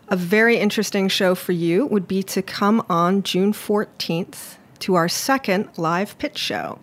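Woman hosting a live interview show. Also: mid-range voice. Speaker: radio show host. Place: small broadcast studio in a shipping container.

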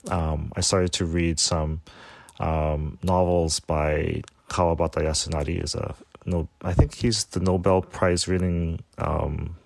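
A man from Hawaii, a guest on an interview podcast, talking casually with frequent pauses and restarts. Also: deep voice, flat delivery, gravelly, no echo. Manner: halting, many fillers and restarts. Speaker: guest, tea shop owner.

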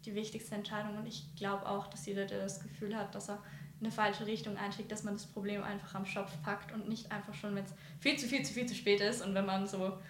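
A woman's voice: mid-range voice, level tone, fairly quick, reverberant. A woman speaking candidly and hesitantly about her own experience, often searching for words. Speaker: guest sharing a personal recovery story. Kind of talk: candid personal conversation.

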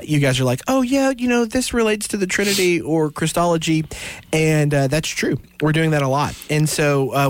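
A man in his thirties co-hosting a podcast, bantering playfully before leading the discussion. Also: mid-range voice. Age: 30s. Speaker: podcast co-host. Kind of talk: casual podcast chat.

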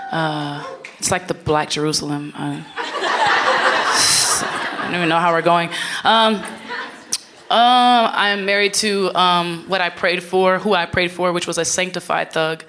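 A woman's voice: on the low side, steady tone, unhurried, creaky, background noise. A woman from Los Angeles performing a rhythmic spoken word prayer, later introducing herself on a panel. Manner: rhythmic, builds to passionate singing. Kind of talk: spoken word poem with sung hymn.

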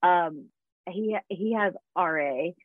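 A woman's voice: lowish voice, slow pace, no room sound. A woman in her thirties, a guest telling her story in a casual interview, chatty with frequent laughs and fillers. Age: 30s. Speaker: guest, fitness business founder. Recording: tinny phone-like line.

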